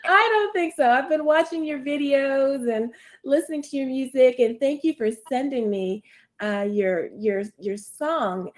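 A chatty woman hosting an online talk show, her voice sitting a little high. She talks casually, laughs often and fills her sentences with ums and restarts. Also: a little slow. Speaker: radio show host. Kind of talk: casual interview.

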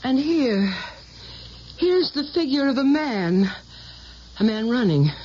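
A woman's voice: high voice, very animated, slow, mellow, a little hiss or hum, heavily acted. An actress playing a stubborn, tenacious woman in an old radio drama. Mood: wondering. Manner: insistent, stubborn. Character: determined woman pressing a photographer. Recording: dull old radio recording.

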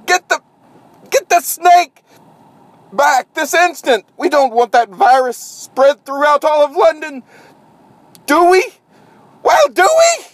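A man voicing a cranky, excitable male scientist who shouts at his staff in a high, blustering voice. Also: takes it slowly, pauses often, dry recording, full character voice. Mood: outraged. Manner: shrill, blustering, exasperated.

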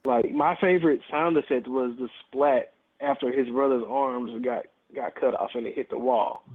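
Co-host dude on a tinny phone line, laid back, rambles with lots of you knows. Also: male voice, medium pitch, moderate pace. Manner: relaxed, rambling with fillers. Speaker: podcast co-host. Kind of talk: casual anime review chat.

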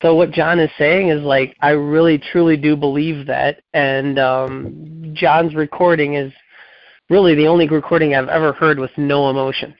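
A man's voice: a little high, fairly even intonation, normal speed, no room sound. A man telling a rambling story in casual podcast chat, acting out the quoted dialogue with many "um"s and "like"s. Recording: dull, dry lo-fi audio.

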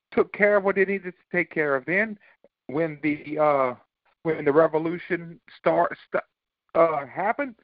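A man's voice: on the high side, no echo. Emphatic man arguing on a panel. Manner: emphatic, argues with restarts. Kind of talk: political panel talk. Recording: dull lo-fi dry recording.

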